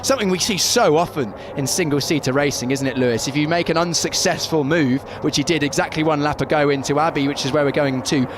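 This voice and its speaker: A man's voice: on the high side, fast talker, hardly any pauses. A man co-commentating live on motorsport, keenly analysing and explaining the racing over trackside noise. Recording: clear outdoor engine and ambience noise.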